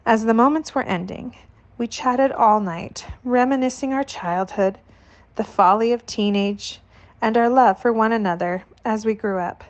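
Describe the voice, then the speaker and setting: A woman reads a novel chapter aloud at an unhurried pace, each sentence set apart. Her voice sits a little higher than most women's, steady and plain in audiobook narration.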